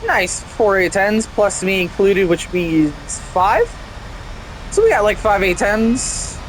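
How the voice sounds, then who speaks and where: A man's voice: high-pitched, big pitch swings, slow pace, slight background noise. A young man casually commenting while playing a flight game, rambling and chatty with frequent restarts. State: hiccups. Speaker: gameplay streamer.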